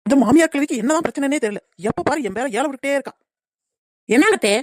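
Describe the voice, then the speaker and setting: A woman voicing a sharp-tongued, grumbling young daughter-in-law in a cartoon comedy. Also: high-pitched, lively intonation, quick pace, no echo, studio quality. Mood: sarcastic. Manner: grumbling, sarcastic.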